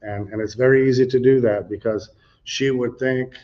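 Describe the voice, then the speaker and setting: This dull lo-fi recording from a church meeting room features a middle-aged man giving a loose, conversational teaching sermon with slides, frequently saying "you know" and asking questions of his responsive audience. His voice is mid-range, with fairly even intonation and a moderate pace.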